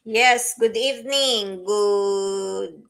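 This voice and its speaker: A woman's voice: medium pitch, extremely slow, creaky, a bit bright, rough recording. A middle-aged woman from the Philippines co-hosting a casual podcast chat, hesitant and full of fillers and laughs. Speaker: co-host, teacher.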